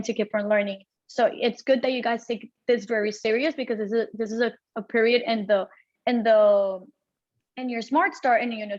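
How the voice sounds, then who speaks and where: A woman's voice: on the high side, lo-fi sound. A woman co-presenting, giving casual advice in a loose way with many fillers.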